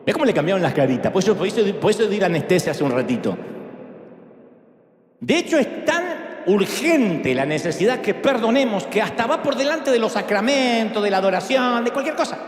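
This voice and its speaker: A man preaching a sermon to an audience in a large church, animated and joking, with big swings in pitch. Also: fairly quick. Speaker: pastor. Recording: echoey hall sound.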